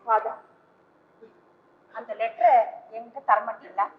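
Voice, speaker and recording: A woman's voice: on the high side, lively intonation, measured pace. An actress playing a worried young mother confessing to a priest, hesitant and pleading in her delivery. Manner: pleading, hesitant with soft fillers. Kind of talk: vintage stage play acting. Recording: dull old stage recording.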